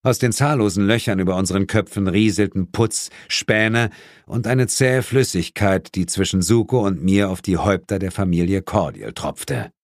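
A man narrating an audiobook in an expressive, dramatic first-person style, recorded close in a studio. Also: sits low, normal speed, no room sound.

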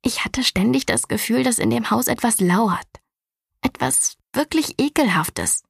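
A woman's voice: a little high, expressive, unhurried, gravelly, husky, no room sound, studio quality, heavily acted. A woman voicing a scared young boy who nervously pleads and tells of something lurking. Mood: frightened. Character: frightened young boy, anxious twin brother.

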